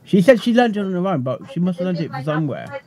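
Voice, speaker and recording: Inquisitive man with a higher voice. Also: big pitch swings, fast talker, mellow. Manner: inquisitive, asks many questions. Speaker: co-host reviewing a cartoon episode. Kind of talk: casual commentary chat.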